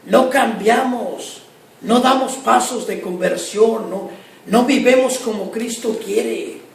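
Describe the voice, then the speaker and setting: A man, a lay missionary, preaching a sermon with impassioned, rising appeals and hushed asides. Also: very high voice, takes it slowly, gravelly, a little hiss or hum. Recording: echoey, distant from the mic, faint ambience.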